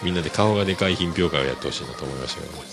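Deep gravelly man chatting casually. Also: very fast. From Kyushu, Japan. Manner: easygoing, rambling, filler-heavy. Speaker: podcast host. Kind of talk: casual solo podcast talk. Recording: clear background music under voice. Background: music.

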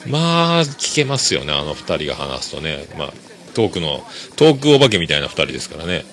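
A man hosts a casual solo podcast. His voice sits low but sounds bright and forceful, with a lively, swinging pitch. Soft music plays faintly behind him. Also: moderate pace. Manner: chatty, enthusiastic, laughs softly between remarks. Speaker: podcast host.

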